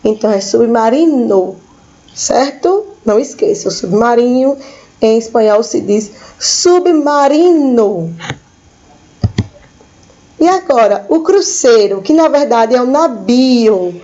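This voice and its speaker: A woman's voice: on the high side, expressive, unhurried, dark tone, lo-fi sound. A woman teaching a school lesson, patiently repeating each word for her pupils. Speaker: Spanish teacher.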